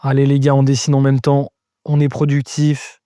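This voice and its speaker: A man leads a live drawing lesson, thinking aloud as he sketches and breaking off to answer viewers in a casual way. His voice is mellow and relaxed, recorded dry with no room sound. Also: mid-range voice, normal speed, clear, resonant tone, dry recording. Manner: thinks aloud while drawing, explaining step by step. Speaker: drawing teacher.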